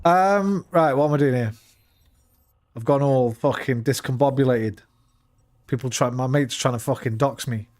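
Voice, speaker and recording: A man's voice: mid-range voice, moderate pace, long pauses, a little mellow, soft background music. A man chatting casually on a gaming livestream, blunt, bantering and sweary. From West Midlands, England. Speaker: game streamer.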